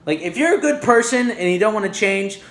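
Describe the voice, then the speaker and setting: A man's voice: high-pitched, expressive, a little fast, fairly bright tone, roomy sound. A man vlogging in a casual, rambling monologue, full of "you know" and "like".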